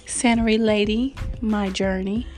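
A woman hosts her podcast in a loose, chatty way, teasing and laughing as she goes. Her voice sits at a middle pitch, with soft music faintly under her. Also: fairly even intonation, takes it slowly. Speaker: podcast host. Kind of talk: casual motivational chat.

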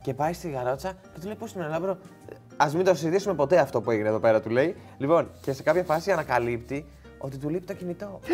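A man telling a long funny story in casual chat, animated and quick to laugh. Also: fairly high pitch, faint music behind.

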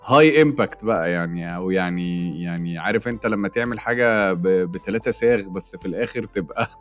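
A man's voice: deep voice, quick pace, faint music behind. A man with an Egyptian Arabic accent, chatting casually as a podcast co-host and mixing in English phrases. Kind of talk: casual chat between friends.

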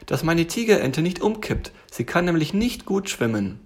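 Raised, husky storybook tiger cub, gushing and wide-eyed, as a male reader puts him on. Bedtime story. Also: fairly high pitch, very animated, normal speed, pitched above the performer's own voice. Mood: eager. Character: small eager excitable male tiger cub.

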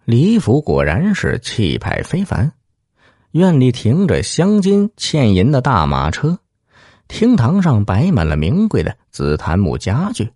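A man's voice: medium pitch, wildly swooping pitch, a little slow, darkish tone, dry recording, studio quality. A man telling a dramatic story in a theatrical way, with rhetorical questions and exclamations.

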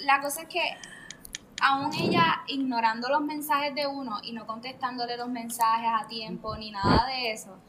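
A woman's voice: fairly high pitch, steady tone, normal speed, heavy background noise. A woman with a Puerto Rican accent hosting a casual group podcast, informal and teasing as she steers the conversation. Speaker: podcast host.

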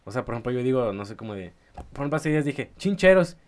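Guy from tampico, mid-pitched voice, hesitant casual chat, keeps checking with others. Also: rapid-fire, darkish tone, slight background noise. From Mexico, Tampico. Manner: hesitant, adds "¿no?" checks and small corrections. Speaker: podcast co-host or guest.

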